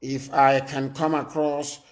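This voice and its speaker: A man's voice: mid-range voice, little pitch movement, slow. A man hosting a live call-in talk show who talks in a commanding way, repeats his points and scolds his callers. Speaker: live stream host taking calls.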